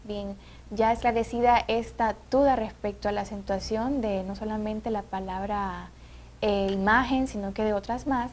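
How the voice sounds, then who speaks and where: A woman's voice: mid-range voice, fairly even intonation, moderate pace, darkish tone, a little hiss or hum. Woman hosting an educational show. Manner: attentive, frequent "ujú" backchannels, guides segments. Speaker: TV program host. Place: TV studio.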